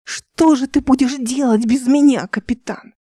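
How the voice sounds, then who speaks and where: A scheming male overlord from an audiobook taunts in a low, hissing half-whisper, as a woman reads him. The tone stays mellow and the recording is close and dry. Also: unhurried, husky, dry recording. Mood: taunting.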